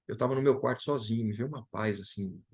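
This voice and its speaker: A man's voice: medium pitch, quick pace, darkish tone, slightly rough. A man from Brazil sharing an emotional personal testimony as a guest, retelling dialogue and repeating key phrases.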